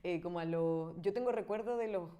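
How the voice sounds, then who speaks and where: Low, mellow Chilean woman, giggly. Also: fairly quick. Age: 30s. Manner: warm, giggly, thinking aloud with many fillers. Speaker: guest artist. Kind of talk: casual interview chat.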